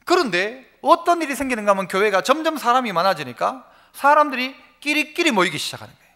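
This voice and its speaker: A male pastor delivers an emphatic sermon in a high, bright voice. His pitch swings widely as he leads the congregation to repeat phrases and tells homely stories. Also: very animated, quick pace. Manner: storytelling with homely examples. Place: church service.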